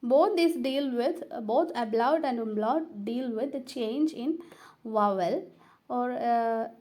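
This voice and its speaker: A woman lecturing on language history, pausing often with fillers and restarting her sentences. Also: a little high, a little mellow. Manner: halting, many fillers and restarts. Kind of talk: classroom lecture.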